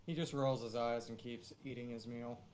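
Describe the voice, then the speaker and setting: A man's voice: mid-range voice, fairly even intonation, moderate pace, darkish tone. A man playing a fighter in a casual tabletop role-playing session, laid-back. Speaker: player.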